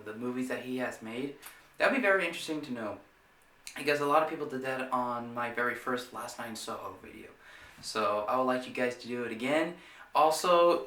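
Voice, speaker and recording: A man's voice: medium pitch, sharp tone, far from the mic. A man hosting a casual movie review vlog, talking eagerly and rambling with many fillers and restarts. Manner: eager, enthusiastic. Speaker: movie reviewer, channel host. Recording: roomy, away from the mic.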